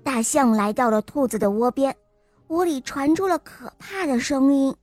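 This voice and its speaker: High-voiced woman reading a children's story. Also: moderate pace, no room sound. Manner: warm, sing-song address to children. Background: faint music.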